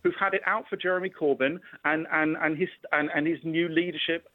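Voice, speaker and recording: Insistent radio caller over a tinny phone line. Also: male voice, a little high, fairly even intonation, fairly quick, dry recording. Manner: insistent, argumentative, stumbles and repeats words. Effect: heard over a phone line on a radio show. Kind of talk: heated phone-in debate.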